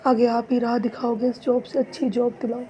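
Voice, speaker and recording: Soft-toned woman pleading in prayer. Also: fairly high pitch, level tone, fairly quick, lo-fi sound, slight background noise. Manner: pleading, repetitive. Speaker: devotee offering prayer. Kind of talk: devotional prayer and thanksgiving.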